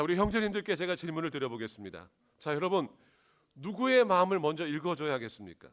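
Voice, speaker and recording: A man's voice: a little high, fairly bright tone. A man preaching a sermon as a pastor, engaging the congregation with questions.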